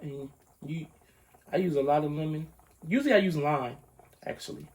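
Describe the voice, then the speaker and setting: With a fairly high, darkish voice and a moderate pace, a young cooking channel host demonstrates a relaxed recipe from his living room, a pot on a hot plate beside him. He has just woken up and it shows in his voice, but he stays chatty and easygoing, speaking to viewers as y'all. The audio quality is poor.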